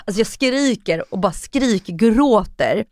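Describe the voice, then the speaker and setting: A woman in her thirties co-hosting a casual podcast, telling stories vividly and acting out what people said. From Sweden. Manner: animated storytelling, acting out quotes with big pitch jumps. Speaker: podcast co-host. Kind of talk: casual chat.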